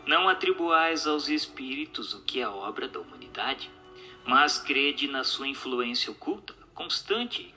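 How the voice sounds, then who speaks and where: A male narrator gives a dramatized audiobook reading of questions, answers and notes, in a formal, declamatory style. His voice sits in the mid-range with a sharp tone.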